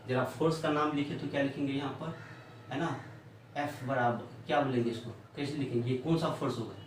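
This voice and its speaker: A man teaches physics at the board, firing quick questions at the class. He is picked up from across a bare, echoing classroom, and faint room noise runs underneath. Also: medium pitch, steady tone. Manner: keeps asking the class questions, repeats "है ना?". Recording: far, echoey room with faint ambience.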